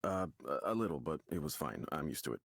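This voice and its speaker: This bass-voiced man talks fast with lively intonation, delivering heavily acted visual novel dialogue as an anxious, defensive expectant father. He hesitates and stammers, his mood uneasy. The dry, studio-quality recording carries background music.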